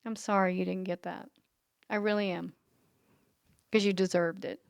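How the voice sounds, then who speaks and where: A woman's voice: lowish voice, steady tone, moderate pace, creaky, clean tone, no echo, studio quality. A woman hosting a podcast interview, telling personal stories in a heartfelt, emotional way. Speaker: podcast host.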